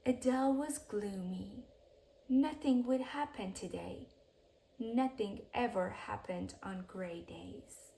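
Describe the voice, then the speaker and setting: Narrating a children's book in an expressive bedtime tone, a woman speaks at medium pitch with some vocal fry. Her phrasing is measured, and her sentences end in gentle hushes.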